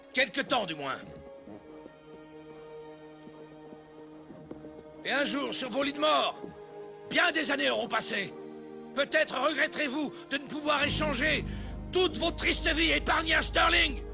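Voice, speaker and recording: An actor playing a defiant warrior leader, giving a solemn, rousing battle speech in a film. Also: male voice, very high voice, gravelly, heavily acted. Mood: grave, challenging. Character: defiant warrior leader rallying his troops. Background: film music and horses.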